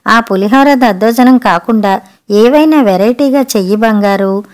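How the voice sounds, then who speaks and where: A woman's voice: on the high side, moderate pace, natural voice. A woman voicing a demanding middle-aged husband who keeps asking for special food in a storybook reading. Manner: demanding, grumbling.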